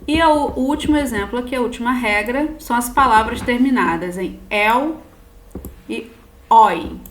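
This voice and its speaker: A woman's voice: fairly high pitch, moderate pace. A woman teacher with a Brazilian Portuguese accent gives a recorded lesson, patiently spelling out word endings one at a time. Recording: roomy echo.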